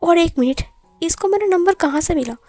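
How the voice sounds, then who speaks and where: A woman's voice: very high-pitched, expressive, moderate pace, dark tone, no echo, faint music behind, voice pushed up. A woman voicing a hot-tempered young male mafia boss who fires off angry, demanding questions.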